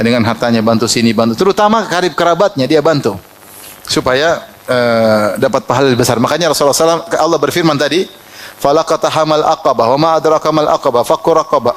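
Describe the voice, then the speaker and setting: A man preaching an Islamic sermon, telling lively personal anecdotes, chuckling often and reciting Arabic verses. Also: a little high.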